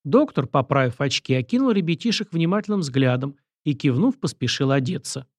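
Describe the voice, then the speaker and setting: A man narrating an audiobook in a steady storytelling voice. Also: mid-range voice, brisk, dry recording, studio quality. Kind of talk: scripted narration.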